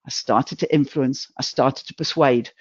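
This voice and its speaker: A middle-aged woman giving a humorous motivational talk, chatty and self-mocking, with sudden jumps in pitch. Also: fairly even intonation, a little slow, a little mellow, no room sound, highs cut off. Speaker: motivational speaker.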